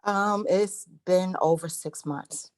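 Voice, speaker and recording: A woman's voice: fairly low pitch, slow pace, dry recording. Breathless polite woman caller. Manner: polite, hesitant. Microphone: video call.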